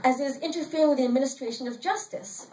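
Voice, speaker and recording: A man's voice: very high-pitched, very fast, distant mic, very noisy. A woman reading a story puts on the nasal, dithering voice of a nervous male court clerk in a live reading. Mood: flustered. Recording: roomy sound from off-mic.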